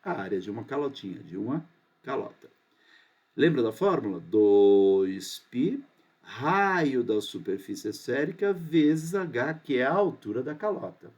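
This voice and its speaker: A man's voice: mid-range voice, very animated, a little slow, a little mellow. A man teaching a math lesson, patient and often checking that the students are following.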